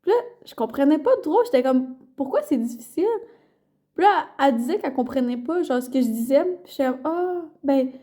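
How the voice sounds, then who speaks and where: A young woman with a Québécois accent talks casually to her camera in a vlog. Her voice sits high and sounds mellow and soft-edged. She rambles loosely, circling back with fillers and restarts. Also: animated, fast talker. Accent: Québécois French. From Quebec. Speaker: vlogger and student intern.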